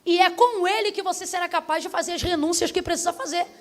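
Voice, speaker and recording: Young woman preacher, high voice, lively playful sermon delivery. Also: fast talker, slight background noise.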